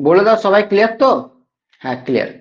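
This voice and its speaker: A man's voice: sits high, expressive, racing. A male teacher with a Bengali accent giving a classroom lecture, repeating key points and often checking that students follow. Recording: dull lo-fi sound.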